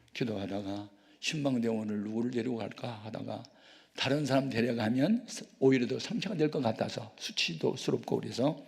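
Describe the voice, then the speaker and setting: A male pastor telling a story in the pulpit with a gravelly voice that swings widely in pitch. His colloquial, lively delivery rolls through a worship hall with a long reverb. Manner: colloquial, animated storytelling with sound effects. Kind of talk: storytelling sermon. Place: prayer retreat worship hall.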